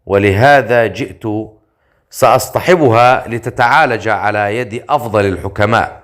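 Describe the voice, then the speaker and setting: A man voicing a stern, confident male leader in an audiobook story, with a dry, measured delivery. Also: on the low side, a bit bright, lightly acted. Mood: calm. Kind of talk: audiobook character voice.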